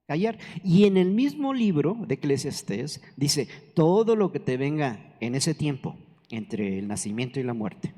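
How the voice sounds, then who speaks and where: An older man preaches in a casual, conversational way and often turns to the congregation with questions. His voice is mellow and dark, set a little high, and a long reverb from the church hall trails after his words. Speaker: pastor. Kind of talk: sermon.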